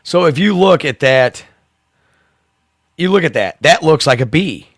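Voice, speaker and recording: A slightly hoarse man hosting a live open-mic stream, rambling, swearing and laughing in casual chat. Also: fairly high pitch, expressive, unhurried, dry recording, clean studio sound.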